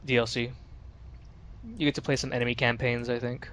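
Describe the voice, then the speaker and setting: A man's voice: medium pitch, little pitch movement, brisk, fairly bright tone. Laid-back man chatting over a game. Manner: laid-back, swears a lot, many fillers. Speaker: let's play commentator. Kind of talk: casual gaming chat.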